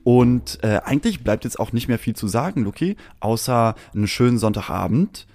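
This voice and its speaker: A man's voice: medium pitch, lively intonation, moderate pace, darkish tone, no room sound, clean studio sound. A man from Germany co-hosting a casual podcast chat, wry and joking with vivid comparisons. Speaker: podcast co-host.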